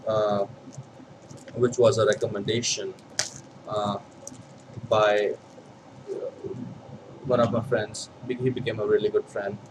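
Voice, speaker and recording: A man with an Indian accent chatting casually as a vlog host, in a halting, hesitant way with pauses and repeats. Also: on the low side, little pitch movement, noisy background. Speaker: video host, pipe and cigar hobbyist.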